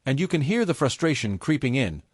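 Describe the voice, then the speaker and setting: A man's voice: medium pitch, sing-song, brisk, no room sound, studio quality. A man narrating scripted commentary on a court clip in an emphatic, explanatory way.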